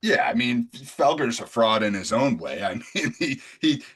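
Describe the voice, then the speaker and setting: A man's voice: medium pitch, big pitch swings, measured pace, a bit bright, breathy edge. A man hosting a casual sports podcast, blunt and profane, rambling with frequent restarts. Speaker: podcast host.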